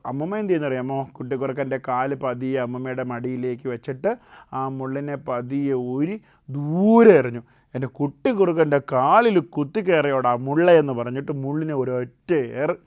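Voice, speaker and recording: A man hosting a children's puppet show, telling a folk tale gently and often asking the young listeners questions. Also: medium pitch, normal speed. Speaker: puppet show host and storyteller. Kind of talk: storytelling to children.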